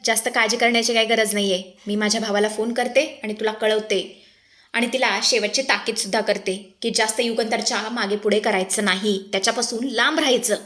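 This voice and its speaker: A woman voicing a sharp-tongued, jealous young woman who scolds and mocks in a serial recap. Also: on the high side, fairly even intonation, a little fast, close to an everyday voice. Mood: taunting. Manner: scolding, mocking.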